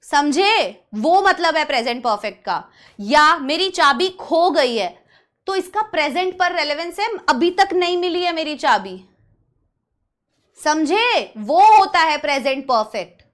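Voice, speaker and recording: A young woman teaching English grammar in an energetic lesson. She explains in Hindi, reads the English example sentences slowly and often checks whether her students have understood. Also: sits high.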